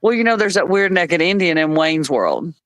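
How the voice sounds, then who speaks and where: A woman telling family stories in a casual live chat, animated and laughing often. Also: lowish voice, moderate pace, dry recording. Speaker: live stream co-host.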